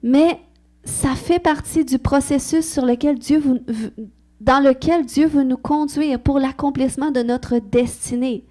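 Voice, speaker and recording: A woman's voice: sits high, steady tone, measured pace, warm tone. A woman with a Québécois French accent, preaching an earnest, conversational sermon with frequent amens.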